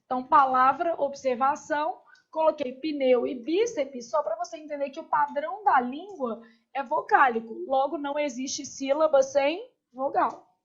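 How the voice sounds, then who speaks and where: A high-pitched woman with a Brazilian Portuguese accent leads a grammar lesson. She keeps asking her students questions and answering them herself. The recording sounds a little dull and muffled. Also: a little slow. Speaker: teacher.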